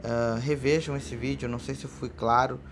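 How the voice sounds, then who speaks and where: A man teaching an online language lesson in a relaxed, chatty way, often checking in with his students. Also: medium pitch, moderate pace, a little hiss or hum. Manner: relaxed, chatty, frequent filler tags.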